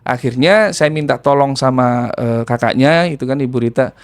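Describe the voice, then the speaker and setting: A man's voice: mid-range voice, moderate pace. A man telling a ruqyah healing story in casual storytelling, acting out the voices of the people in it.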